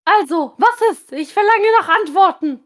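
A nosy, spiteful aunt who prods and provokes her nephew, as a woman reads her. The voice is very high and sharp-edged in its jabs. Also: moderate pace. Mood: prying. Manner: prying, provocative.

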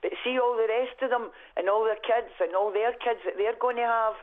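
A woman's voice: a little high, steady tone, fairly quick. Radio caller: forthright Glaswegian woman, chatty, heard down a thin phone line. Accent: Glaswegian Scottish. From Scotland. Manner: forthright, chatty, laughs between points. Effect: heard over a phone line. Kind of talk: casual phone-in chat.

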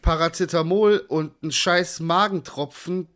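A man co-hosting a podcast, telling stories in a casual chat with an animated, ranting delivery full of slang and swearing. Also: a little high, a little slow, clean tone. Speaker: podcast co-host.

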